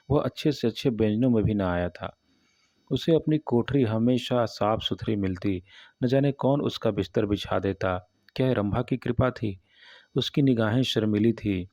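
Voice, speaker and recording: Guy reading an old short story, steady and calm, low voice, dry muffled recording. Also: dry recording. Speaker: narrator. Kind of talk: storybook narration of a classic tale. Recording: dull, muffled audio.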